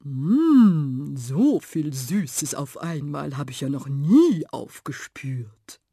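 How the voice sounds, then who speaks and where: A woman voicing a charming, gallant male tomcat who speaks slowly in a lower, drawling voice. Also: big pitch swings, warm tone, slightly rough, dry recording, clean studio sound, exaggerated voice.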